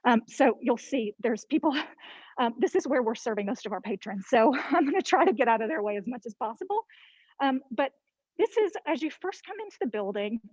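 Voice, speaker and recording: Captured on a handheld phone camera during a video call, the audio is dry and poor. A woman with a fairly high, slightly mellow voice and lively intonation talks briskly while leading an informal library tour. Walking through the stairwell and vestibule, she's a bit winded and often says um or starts over.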